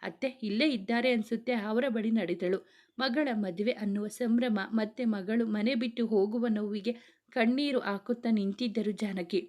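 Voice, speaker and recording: A woman's voice: on the high side, fairly even intonation, normal speed, darkish tone. A woman narrating a romantic family story, reading every character's lines in her own plain voice. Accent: Kannada. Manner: reads all dialogue in her own plain voice.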